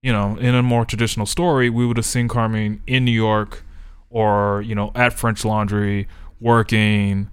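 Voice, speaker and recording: A man co-hosting a screenwriting podcast, thinking out loud with lots of restarts in casual chat. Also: fairly low pitch, flat delivery, moderate pace, clean tone, no room sound, clean studio sound. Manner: rambling, thinks aloud with many restarts. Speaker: podcast co-host. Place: podcast studio.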